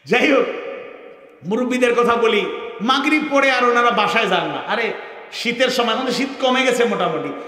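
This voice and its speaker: A man from Sylhet preaching an outdoor-style sermon to a crowd, rising into shouts and asking the audience rhetorical questions. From Sylhet, Bangladesh. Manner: rises to shouts, then drops low. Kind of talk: Bengali waz sermon to a crowd. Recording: very echoey hall with long reverb.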